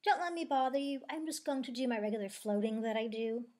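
A woman's voice: fairly high pitch, fairly quick, a little mellow, natural voice. A woman voicing a jealous, boastful female plush stingray toy. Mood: huffy.

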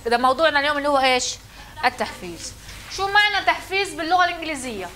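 A woman's voice: high voice, animated, rapid-fire, sharp tone. A woman lecturer, teaching a classroom and questioning her students.

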